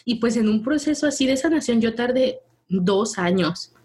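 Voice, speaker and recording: A woman telling her personal faith testimony in casual conversation, animated and quick to laugh as she acts out what people said. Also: on the high side, breathy edge. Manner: animated storytelling, laughs often, acts out dialogue.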